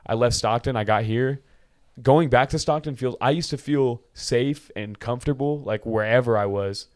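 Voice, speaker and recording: A man's voice: mid-range voice, normal speed. A twenty-year-old man from California, a podcast guest talking in loose, casual chat full of restarts and filler. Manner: loose, filler-heavy talk with many restarts and "bro".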